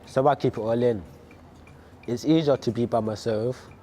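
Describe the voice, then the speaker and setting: A young man performing spoken word poetry in a quiet, introspective recitation. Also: medium pitch, steady tone, normal speed, a little hiss or hum. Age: young adult.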